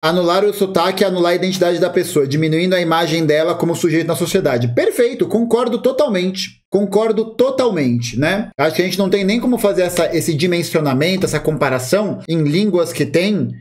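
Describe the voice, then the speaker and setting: A man from São Paulo with a Paulista accent, co-hosting a podcast and talking in a casual, slangy, animated way. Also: sits high, brisk, few pauses. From São Paulo, Brazil. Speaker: podcast co-host. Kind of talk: casual discussion.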